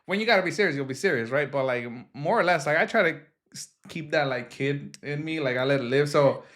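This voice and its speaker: A man's voice: fairly high pitch, quick pace, fairly bright tone. A man in his twenties hosting a podcast, chatting casually and joking with lots of fillers. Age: 20s. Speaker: podcast host. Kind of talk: casual chat.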